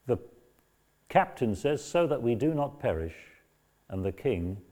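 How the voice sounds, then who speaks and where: A man giving a lecture on a Bible book, reading passages aloud and explaining them in a measured way. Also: mid-range voice, very animated, mellow. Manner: measured, explanatory, raises voice when quoting. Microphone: battery-powered mic.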